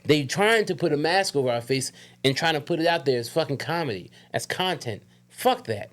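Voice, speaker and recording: A man's voice: on the high side, expressive, fairly quick. Fired-up man with a slight lisp. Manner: emphatic, fired-up, profane, ranting. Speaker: podcast co-host. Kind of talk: casual heated podcast chat.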